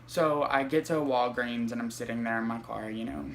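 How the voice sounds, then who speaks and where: Young male vlogger, light voice, mid-pitched, animated and foul-mouthed storyteller. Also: brisk, vocal fry, slight background noise. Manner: animated, profane storytelling with many fillers. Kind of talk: storytime vlog.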